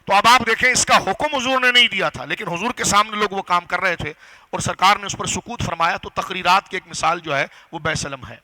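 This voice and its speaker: A man preaching a religious lecture to a gathering, teaching step by step, asking the audience questions and slowing down on key phrases. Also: sits high, bright, forceful tone, rough recording. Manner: didactic, rhetorical questions to audience. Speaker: Islamic scholar and preacher. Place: gathering hall.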